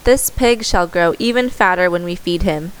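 A woman's voice: on the low side, moderate pace, smooth, close to an everyday voice, low-quality recording. A woman reading the lines of a smug, greedy younger farm son in a storybook, in a gloating manner.

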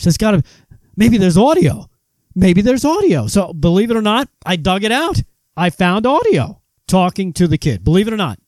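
A man hosting a political commentary monologue, mocking and animated, often stumbling and restarting his sentences. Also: high voice, no echo. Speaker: host.

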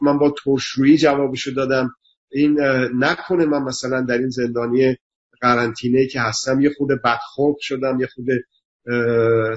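A man speaking earnestly on a talk show, lecturing through emphatic repeated lists. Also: mid-range voice. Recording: dull lo-fi sound.

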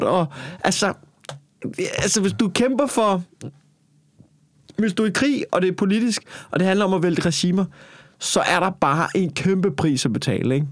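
A man's voice: high-pitched, dry recording. A man in casual comedic banter, rambling and swearing a lot with many fillers.

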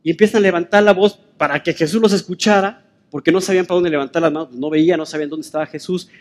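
A man preaches a sermon in a conversational tone with a notably high voice for a man. He keeps putting rhetorical questions to his listeners. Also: fairly even intonation, quick pace.

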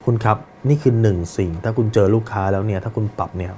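A man's voice: lowish voice, steady tone, very fast, dark tone, faint music behind. A man hosting a business coaching podcast, speaking directly to the listener and demonstrating different tones of voice. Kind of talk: instructional podcast monologue.

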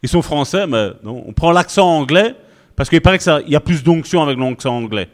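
A male pastor giving an animated, conversational sermon full of asides to the congregation. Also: fairly high pitch, a little fast.

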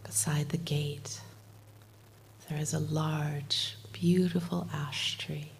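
A woman leading a guided meditation like a sleep story narrator, speaking gently in short, unhurried phrases with long pauses. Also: deep voice, level tone, creaky, slight background noise, poor audio.

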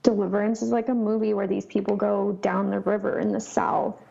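A woman's voice: medium pitch, flat delivery, fairly quick, vocal fry, warm tone, lo-fi sound. A tired woman co-hosting a podcast, laid-back with short replies and fillers. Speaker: podcast co-host. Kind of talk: casual chat.

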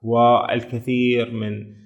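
A man's voice: mid-range voice, little pitch movement, takes it slowly, highs cut off. A man with a Gulf Arabic accent, hosting a podcast and retelling a book's story in a chatty, explanatory way. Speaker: podcast host. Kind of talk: book summary and commentary.

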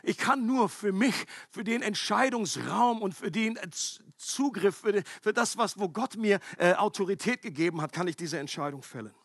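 A man's voice: high voice, normal speed, hardly any pauses, slightly rough, no room sound, studio quality. A man preaching a sermon in a conversational, emphatic way. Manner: conversational, emphatic preaching with animated acted-out quotes.

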